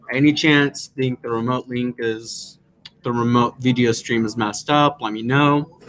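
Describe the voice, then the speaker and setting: A young man instructing a classroom in a loose, chatty way. His voice sits at a middle pitch, and he peppers his talk with "um", "like" and "yeah, yeah". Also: a bit bright, rough recording. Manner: filler-heavy, repeats "yeah" often. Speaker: course instructor.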